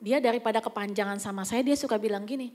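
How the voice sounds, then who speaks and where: A woman pastor preaches in a chatty, storytelling way and slips into whispered asides now and then. Her voice sits very high, and she. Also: quick pace, a little mellow. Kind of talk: conversational sermon. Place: church service.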